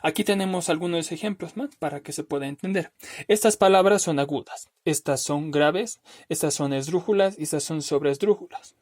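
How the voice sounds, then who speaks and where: A man patiently teaches a recorded spelling lesson over slides, going step by step and often checking in with "¿no?". He slowly draws words out to show where the stress falls, and his voice is fairly high with a darkish tone.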